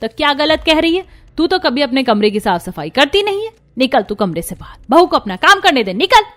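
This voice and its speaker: A woman voicing a strict but caring middle-aged mother-in-law in an animated story, firm and scolding. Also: high voice, a little fast.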